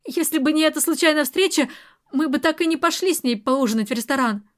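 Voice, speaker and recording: A woman's voice: high voice, quick pace, pitched above the performer's own voice, lightly acted. Woman reading as a sullen, hurt young woman. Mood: aggrieved. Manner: sullen, aggrieved. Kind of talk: audiobook character reading.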